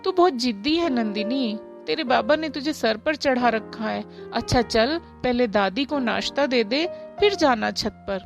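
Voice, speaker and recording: A woman's voice: a little high, expressive, a little slow, hardly any pauses, soft background music. A woman voicing a strict, worried mother in a spoken story, scolding and fussing. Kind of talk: storybook voice acting.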